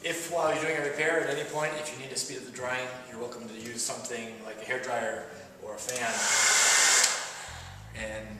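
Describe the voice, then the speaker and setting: A man demonstrating wall repair techniques step by step, explaining in a relaxed way with frequent fillers. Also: medium pitch, a little fast, very noisy. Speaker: plaster instructor. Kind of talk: instructional demonstration. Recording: roomy echo, voice from a distance, faint music.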